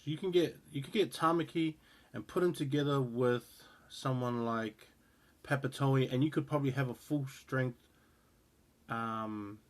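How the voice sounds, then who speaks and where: In a mid-range voice, a rugby show host in his thirties with a New Zealand accent chats casually to the camera about his opinions. He rambles, leaning on frequent fillers and restarts.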